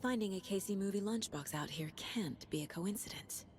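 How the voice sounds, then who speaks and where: An actress playing a composed female FBI agent in a video game, speaking calmly and observantly. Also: mid-range voice, moderate pace, slight background noise, natural voice. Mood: musing. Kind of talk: video game dialogue and inner monologue.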